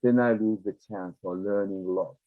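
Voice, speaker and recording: Man, Japanese accent, non-native speaker, halting reflective explanation, lowish pitch, phone-like sound. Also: fairly even intonation. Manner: halting, searching for words in non-native English. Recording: tinny, narrow phone-like, echoey room.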